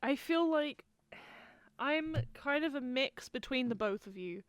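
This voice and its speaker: A woman's voice: high voice, expressive, a little slow, clear, resonant tone, dry recording. A woman co-hosting a casual podcast chat, giggly and rambling, often trailing off and restarting. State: hiccuping and burping. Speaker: podcast co-host.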